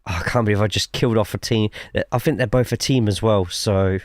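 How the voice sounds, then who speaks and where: A man's voice: fairly low pitch, steady tone, fairly quick, no room sound, clean studio sound. A man with a cough giving casual, chatty live commentary while streaming a sim racing game, swearing freely and reading chat aloud.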